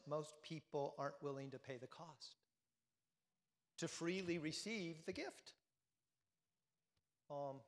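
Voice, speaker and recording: A man's voice: fairly high pitch, long reverb tail. A man giving a conversational sermon to a congregation, often repeating phrases and asking them questions. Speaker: priest. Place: church.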